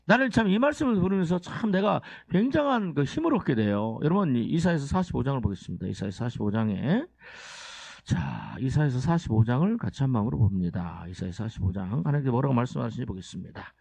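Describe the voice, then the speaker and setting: A man's voice: mid-range voice, fast talker, creaky, no echo. A male pastor preaching a Sunday sermon in a church, keeping the congregation engaged with questions and leading call-and-response reading. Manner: animated, keeps asking the congregation questions. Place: church sanctuary.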